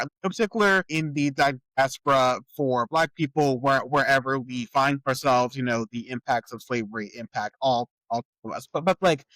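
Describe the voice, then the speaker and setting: A man hosts a podcast in a casual political chat, working through his thoughts aloud. He is halting and often repeats a word before going on. His pitch sits in the ordinary middle range, and the recording is dry and close. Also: fairly bright tone, dry recording, rough recording. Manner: halting, repeats words while thinking aloud. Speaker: podcast host.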